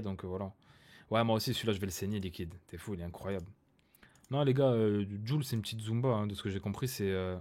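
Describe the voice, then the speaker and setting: A man with a fairly low voice reacts to a new track, talking loosely with plenty of fillers and restarts. He gets excited and calls out to his viewers. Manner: chatty, hesitant with fillers, hypes up viewers. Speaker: reaction video host. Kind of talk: casual reaction commentary.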